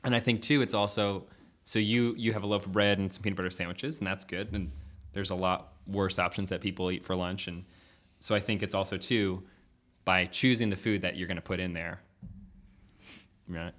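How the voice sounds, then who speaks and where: A man's voice: sits low, fairly even intonation, brisk, a bit bright. Chatty man hosting a podcast. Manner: rambling, laughs often. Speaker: podcast host. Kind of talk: casual chat.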